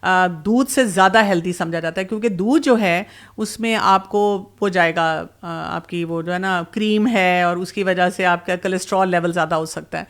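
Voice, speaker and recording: A woman's voice: on the low side, hardly any pauses. A woman explaining diet and health as a guest expert on a talk show, in an earnest, advising way, mixing in many English terms.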